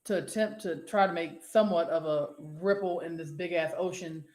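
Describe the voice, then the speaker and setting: Reading out viewer comments on a casual live stream she co-hosts, a woman rambles in between, cursing freely and quick to laugh. Her voice is fairly low and darkish at a moderate pace, ringing in an echoey room.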